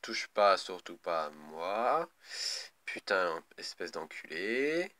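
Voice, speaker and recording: A man's voice: low voice, sing-song, takes it slowly, bright, forceful tone. A man commentating live on a mobile game as a raging gamer, irritable and prone to swearing. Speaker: gaming video host.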